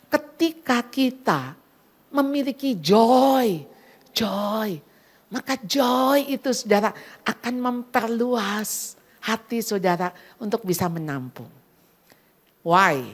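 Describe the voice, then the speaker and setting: A middle-aged woman preaching to a crowded church at a Christmas gathering. She calls the listeners "saudara", drops English phrases into her talk, and swings her voice wide as she acts out the voices she quotes. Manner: animated, dramatizes inner voices and prayers with big pitch swings. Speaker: women's ministry speaker. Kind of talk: sermon. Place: packed church hall at a Christmas event.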